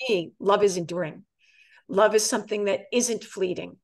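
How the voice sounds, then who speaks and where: A mature woman talks earnestly on a podcast panel, her voice sitting in an ordinary middle pitch. She is reflective and measured, and she dwells on what lasting commitment means. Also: fairly even intonation, darkish tone. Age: older. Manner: earnest, reflective, quotes lyrics with feeling. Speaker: guest.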